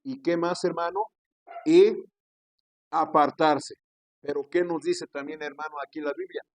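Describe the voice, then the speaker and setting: A male pastor preaches a sermon in a fairly even intonation over a rough recording. He asks rhetorical questions, tacks "¿verdad?" onto phrases, calls his listeners brother, and slows down with rising pitch on key scripture phrases.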